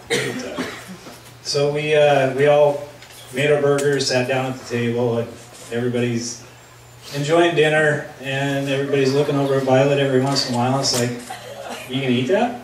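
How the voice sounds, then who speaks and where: Middle-aged man, father of the groom, relaxed halting toast, distant echoey hall, room noise. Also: mid-range voice. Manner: relaxed, hesitant, lots of uh and um. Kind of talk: wedding toast storytelling. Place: wedding reception hall. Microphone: handheld microphone.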